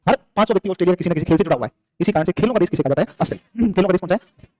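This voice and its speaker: This man speaks high and rapid-fire, his tone somewhat dark, as he lectures a class. Drilling facts by asking and then answering his own questions over and over, he slips in scolding and jokes aimed at the students.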